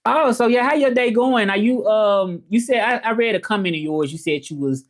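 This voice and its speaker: Speaking at a normal pace in a high-pitched voice, a Memphis man with a Southern American accent hosts a casual livestream. He chats loosely about learning languages, reads comments, and tends to repeat himself.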